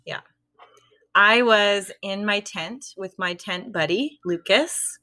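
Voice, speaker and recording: A woman's voice: mid-range voice, slow, pushed and bright, no echo. A young adult woman telling a spooky story in casual chat, often laughing between sentences. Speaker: storytelling guest.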